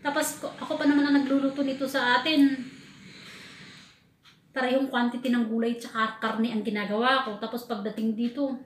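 Woman from the Philippines, casual vlog storyteller, animated, higher voice, echoey room. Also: fairly quick. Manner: animated, laughing while telling a sad story. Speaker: vlogger. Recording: echoey room with faint ambient noise.

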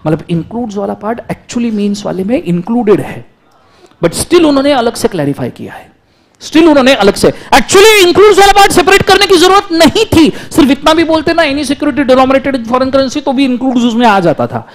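A high, animated male lecturer teaches a classroom. His voice swoops widely as he drills students and asks them to answer aloud. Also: brisk. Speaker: law lecturer.

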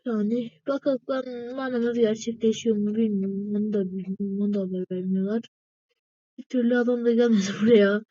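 This woman's mid-range, mellow voice carries casual gameplay commentary as she chats with viewers, calling them friends over and over. She makes gaming videos, and the audio is a dull, dry lo-fi recording.

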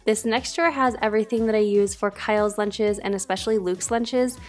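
A young woman narrates her home decluttering vlog in a casual voice-over. She sounds chatty and encouraging, often doubling words for emphasis. Her voice sits at a middle pitch, and soft background music plays underneath. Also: fairly quick. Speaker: home cleaning vlogger.

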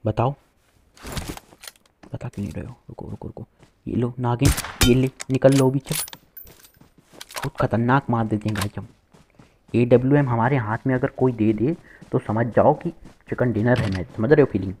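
A man's voice: mid-range voice, moderate pace, background noise. A man giving playful, boastful live commentary to viewers while playing a shooter game, with gunfire behind him. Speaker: gaming streamer.

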